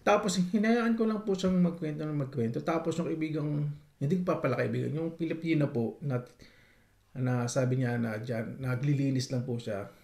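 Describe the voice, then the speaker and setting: A man's voice: on the high side, normal speed. A young Filipino man casually and politely telling stories from his life abroad, acting out the people he quotes. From Philippines. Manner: polite, animated, acts out quotes. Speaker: vlogger. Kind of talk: casual storytelling. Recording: echoey room.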